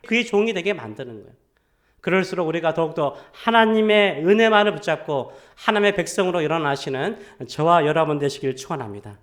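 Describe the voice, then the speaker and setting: A man with a high voice preaches from the pulpit. He tells a parable in an engaging way and keeps asking the congregation questions as he goes. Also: a bit bright. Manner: storytelling with frequent questions to the congregation. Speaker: pastor. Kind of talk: sermon.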